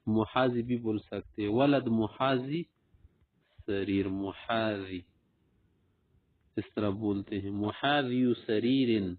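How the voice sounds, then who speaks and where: A man teaching a language lesson, speaking slowly and repeating example phrases for learners. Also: on the low side, level tone, dry recording. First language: Urdu. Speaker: Arabic teacher. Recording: dry, phone-like audio.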